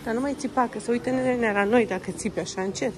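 A woman in her thirties from Romania chats casually to her phone camera as she walks through a busy indoor shopping mall. Her voice sits a touch high, and she keeps turning to gently coax her little one, mixing English phrases into her Romanian. A faint murmur of the mall runs behind her. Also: background noise. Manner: chatty, coaxing and patient with her child, mixing in English phrases. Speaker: vlogger and mother. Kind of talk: casual walking vlog, talking to camera and child.

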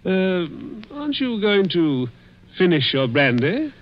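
An actor playing a sly, menacing, miserly rich man in a vintage radio thriller, deliberate and taunting, with hesitant pauses. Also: high-pitched, very animated, heavily acted. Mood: sly, mocking. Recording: muffled old radio drama recording.

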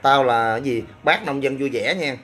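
A man's voice: mid-range voice, normal speed, a bit bright, breathy edge. A man with a Southern Vietnamese accent, a gym owner chatting casually on a livestream and answering comments with boastful, crude banter.

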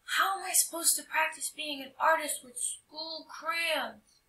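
A woman's voice: high-pitched, measured pace, sharp tone, voice pushed up. A woman voicing an earnest, indignant little boy from a storybook, speaking insistently and emphatically. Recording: roomy echo, distant mic.

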